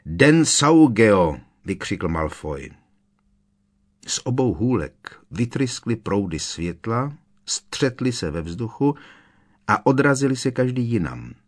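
A man narrating a children's fantasy audiobook in an expressive storytelling manner, switching voices for the characters. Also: fairly low pitch. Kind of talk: scripted narration.

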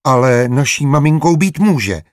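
A man's voice: animated, dry recording, clean studio sound, close to an everyday voice. A man voicing a small, curious, insistent boy in a storybook reading. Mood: pleading, insistent. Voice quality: raised childlike pitch.

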